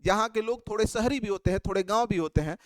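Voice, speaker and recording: With a high-pitched voice and a quick pace, a man lectures at a whiteboard, sketching while he talks. He answers his own questions and drills key terms through repetition, and the recording is dry.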